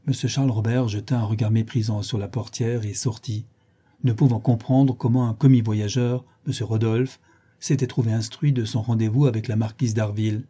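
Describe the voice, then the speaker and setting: A man narrating a classic novel in a measured, expressive reading. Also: fairly low pitch, breathy edge. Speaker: audiobook narrator.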